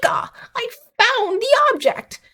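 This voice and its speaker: A woman's voice: extremely high pitch, unhurried, pitched above the performer's own voice. A woman voicing a reckless, gleeful young woman thief in a comic retelling. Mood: triumphant. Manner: squealing and triumphant.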